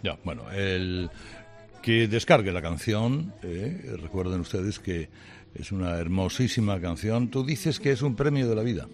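A male radio host asking enthusiastic, quick questions in an interview. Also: on the low side, expressive, soft background music.

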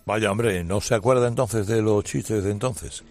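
A man's voice: on the low side, normal speed, darkish tone, soft background music. A man hosting a radio interview, prompting the guest with brief questions. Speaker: radio host.

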